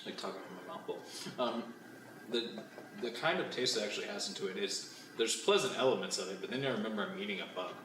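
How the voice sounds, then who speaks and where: A man's voice: lowish voice, lively intonation, fast talker, vocal fry. A young man hosting a casual food taste test, rambling with many fillers and laughing often as he chats. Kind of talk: casual chat. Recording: echoey, distant, noisy room.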